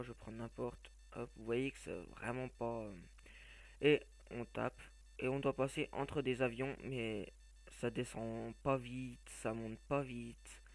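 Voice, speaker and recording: A man reviewing phone game apps in a casual, hesitant voice-over, with blunt opinions, frequent fillers and restarts. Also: mid-range voice. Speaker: app reviewer.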